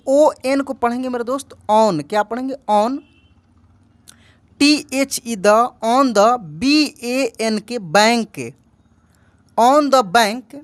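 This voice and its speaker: A woman's voice: on the high side, no echo. A woman teaching an English reading lesson online. She spells each word letter by letter, repeats it and asks "what will we read, my friend?". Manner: calls the listener "my friend".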